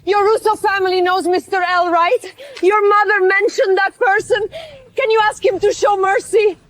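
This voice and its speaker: A society woman in a melodrama, pleading and regretful. Her voice is extremely high and shrill with panic. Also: steady tone, normal speed, dry recording. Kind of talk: screen drama acting.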